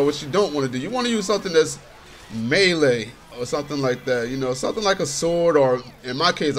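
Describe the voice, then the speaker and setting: A man's voice: fairly high pitch, slight background noise. Laid-back, chatty man doing game commentary. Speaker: gaming commentator. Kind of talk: casual gameplay commentary. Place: his bedroom.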